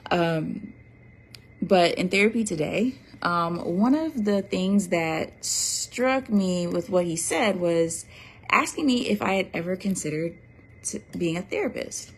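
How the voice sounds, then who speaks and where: Woman, slightly low voice, casual livestream host, chatty with lots of fillers. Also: lively intonation, slow, slightly rough. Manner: chatty, reads viewer comments aloud, fillers and restarts. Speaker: livestream host selling an oracle deck.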